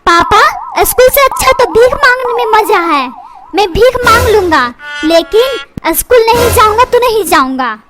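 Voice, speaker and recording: A stubborn, lazy cartoon schoolboy whines and talks back in a very high voice. The cheeky backtalk sits over loud background music. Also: female voice, animated, normal speed. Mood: whiny. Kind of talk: cartoon dubbing.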